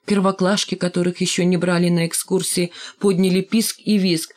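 A woman narrating a first-person story in a measured, expressive reading. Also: lowish voice. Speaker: audiobook narrator.

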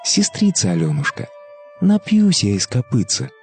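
Man acting a plaintive little fairy-tale boy, pitched up. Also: huge pitch swings, normal speed, gravelly, darkish tone, breathy edge, soft background music, heavily acted. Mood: pleading. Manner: plaintive, singsong calling. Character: pleading little boy turned baby goat, plaintive.

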